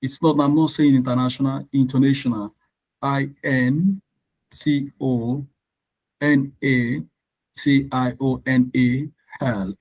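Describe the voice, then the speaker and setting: Recorded in low quality, the tutor speaks slowly in a steady, medium-pitched, somewhat mellow voice. This Yoruba-speaking Nigerian man leads an online exam-prep session, explaining with patience, spelling out words one letter at a time, and checking in frequently with "all right."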